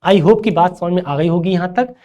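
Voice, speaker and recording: A man's voice: high-pitched, moderate pace, mellow, highs cut off. A male teacher giving a grammar lecture, who asks rhetorical questions and answers them himself and calls his students "beta".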